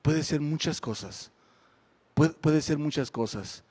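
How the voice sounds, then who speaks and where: A male pastor preaching a sermon at a live-streamed church service, reading scripture aloud with rising force and then asking the congregation questions in a quieter voice. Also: a little high, slow pace.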